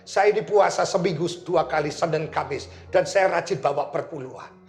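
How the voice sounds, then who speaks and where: A man's voice: on the high side, moderate pace, lightly acted. A man preaching in the voice of a boastful, self-righteous religious man at prayer. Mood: smug. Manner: smug, boastful.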